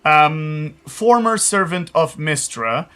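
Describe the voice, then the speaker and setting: A man with a somewhat raised voice hosts a live tabletop session. He talks in a loose, chatty way, stumbling over words and filling pauses with ums and uhs. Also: a little high, animated, fairly bright tone. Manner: chatty, hesitant with many fillers, laughing asides. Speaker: game master. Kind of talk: live-play host introducing players.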